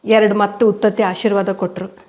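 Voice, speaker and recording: A woman's voice: medium pitch, fairly quick. An older woman, telling family stories at home as an interviewee. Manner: steady storyteller who voices quoted people. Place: indoors at home.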